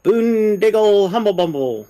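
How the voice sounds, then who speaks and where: A man playing in a tabletop game, chatting casually with quick, blunt remarks. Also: sits high, animated, warm tone, clean tone. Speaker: player.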